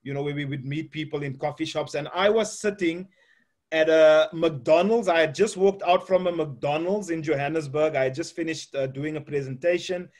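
A man's voice: fairly high pitch, normal speed, a little mellow. A man hosting an interview over a video call from his home office, chatty and full of "uh, you know". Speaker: host. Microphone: webcam on video call.

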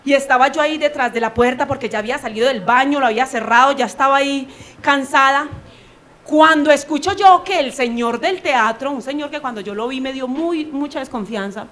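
A woman's voice: high voice, fairly quick, fairly bright tone. A young adult woman with a Colombian accent telling a stand-up story, acting out the quoted voices and laughing as she goes. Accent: Colombian Spanish. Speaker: stand-up comedian.

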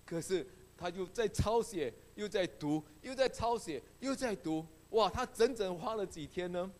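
Animated male pastor preaching a sermon. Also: sits high, moderate pace. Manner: animated storytelling, acting out voices in quotes.

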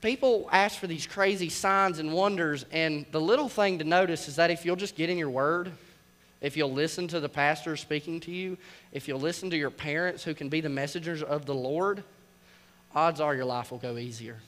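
A man's voice: fairly high pitch, normal speed, a bit bright. A young man preaching a casual youth sermon, full of slang and playful sound effects. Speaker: kids' ministry preacher.

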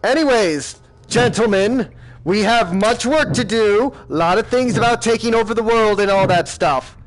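A man with a high voice plays a bossy villain in a comedic game session. He keeps a mock-stern, exasperated tone, scolding his crew. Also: moderate pace. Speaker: gamer playing a villain boss. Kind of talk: comedic gaming role-play.

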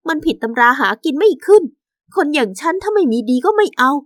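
A woman's voice: sits high, animated, fairly quick, no room sound, studio quality, pitched above the performer's own voice. A woman voicing a clever, hardworking young village wife in a radio story, speaking in an indignant, pleading way. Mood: hurt.

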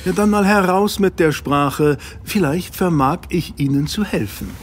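An actor playing a good-natured, flustered gentleman doctor, earnest and loyal, in a German audio drama. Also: sits high, measured pace, slightly rough. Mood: puzzled, offended. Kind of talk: German radio-play acting.

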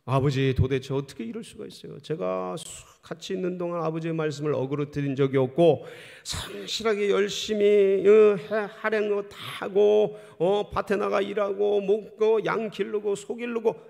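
A male pastor acting out a resentful elder son who complains loudly and accuses his father. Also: high-pitched, steady tone, moderate pace, vocal fry, few pauses, pitched above the performer's own voice. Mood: aggrieved. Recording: long church hall reverb.

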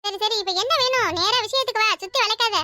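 A woman voicing a cheeky, sharp-tongued young village boy in a cartoon family drama. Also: extremely high pitch, dry recording, clean studio sound. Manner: cheeky, quick retorts.

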